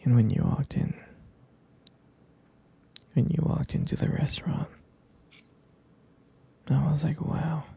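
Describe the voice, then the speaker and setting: A young man voicing an obsessive boyfriend who keeps his lover caged, whispering in a soft, coaxing way. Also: a little high, fairly even intonation, slow, long pauses, dull audio, heavily acted. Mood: fondly reminiscing. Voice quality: breathy whisper. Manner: soft, coaxing, menacingly sweet. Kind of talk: whispered ASMR roleplay.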